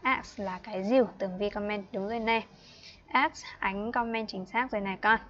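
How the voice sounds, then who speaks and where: A woman in her twenties with a Northern Vietnamese accent, teaching an online English class for young children, patient and playful, repeating words slowly. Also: medium pitch, fairly bright tone, highs cut off, slight background noise. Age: 20s. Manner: chatty and playful, laughs often.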